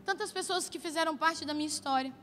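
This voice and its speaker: Brazilian woman preacher, high bright voice, chatty storytelling, long church reverb, soft music behind. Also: fast. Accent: Brazilian Portuguese. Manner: conversational storytelling with playful asides to the congregation. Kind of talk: sermon. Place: church sanctuary.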